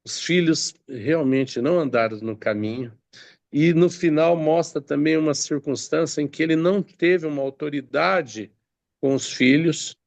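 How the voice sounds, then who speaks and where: A man's voice: mid-range voice, vocal fry, a little mellow, no echo, muffled recording. A man preaching a sermon, reading scripture aloud and explaining it with many hesitant fillers and restarts.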